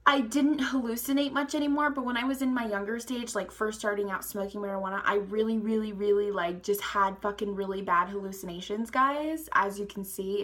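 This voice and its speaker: Bright-voiced young woman rambling a storytime. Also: medium pitch. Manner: rambling, profane, laughing, lots of "like" and "guys". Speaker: storytime vlogger. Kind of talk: casual storytime vlog.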